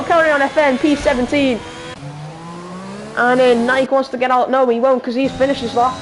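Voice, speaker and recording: A high-pitched woman from Liverpool, England commentates live on sim racing with a Liverpool accent, halting over fillers and jumping up excitedly whenever there's a crash. The background is noisy.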